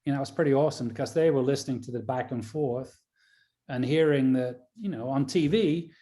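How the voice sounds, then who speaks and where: A man's voice: mid-range voice, brisk, warm tone. A man speaking on a video call, in an ordinary mid-range voice. He rambles through casual talk, full of fillers and restarts. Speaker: golf caddie and coach. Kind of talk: casual conversation.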